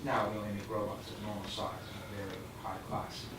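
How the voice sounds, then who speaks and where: Man as proud factory director, brisk and matter-of-fact; noisy distant recording. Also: fairly low pitch, monotone, close to an everyday voice. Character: smug male factory director showing off robots. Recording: echoey room from far off with noise.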